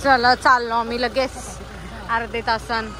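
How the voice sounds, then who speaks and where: A woman's voice: on the high side, little pitch movement, unhurried. A woman, chatting casually to her viewers in a family vlog, pointing things out as she goes outdoors. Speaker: vlogger. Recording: loud music and crowd behind.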